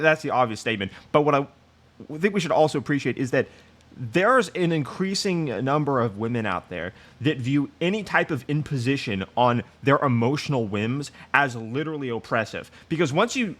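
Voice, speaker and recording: A man's voice: medium pitch, fairly bright tone. Male commentator, scornful and wry, mid-range voice. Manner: mocking, laughs at clip, acts out quoted voices. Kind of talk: reaction commentary.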